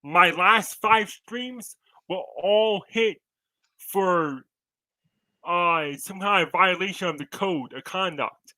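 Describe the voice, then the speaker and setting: A man's voice: sits high, slow, sharp tone, no echo, poor audio. A man in his twenties co-hosting a podcast over a video call, rambling casually and laughing often. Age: 20s. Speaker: podcast co-host.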